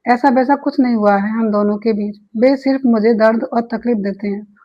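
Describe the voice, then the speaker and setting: A woman's voice: fairly high pitch, fairly even intonation, moderate pace, highs cut off, close to an everyday voice. A woman voicing a timid, hurt young wife in a read-aloud story.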